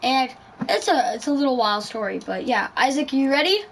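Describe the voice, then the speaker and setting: A woman's voice: high-pitched, big pitch swings, normal speed, slight background noise, rough recording. A woman hosting a casual podcast chat, rambling through her story with lots of ums and likes. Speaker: podcast host.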